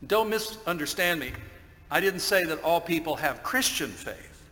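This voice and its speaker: A male pastor giving a sermon in a church, telling a story in a slow, deliberate way. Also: a little high, expressive, bright, forceful tone. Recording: long church reverb.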